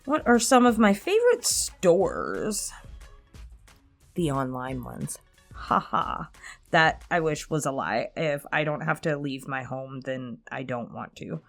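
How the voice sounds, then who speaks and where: With faint music in the background, this woman takes her time, her low voice swinging widely in pitch. She's a creator fielding subscriber questions in a relaxed Q&A, cheerfully self-deprecating, candid and liberally profane.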